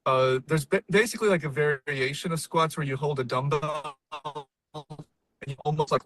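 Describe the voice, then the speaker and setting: A man's voice: fairly high pitch, moderate pace, a bit bright, no echo, low-quality recording. A man on a sales call, talking casually and hesitantly, his voice cutting in and out over the line. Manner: hesitant, searching for words. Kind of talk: casual phone chat.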